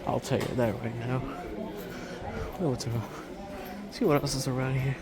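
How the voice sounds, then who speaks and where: Speaking at normal speed with a medium pitch and fairly even intonation, an amateur video maker gives loose, unscripted commentary as he walks through a large hardware store. He sounds like a keen hobbyist shooting a video, and a loud crowd and store music fill the background.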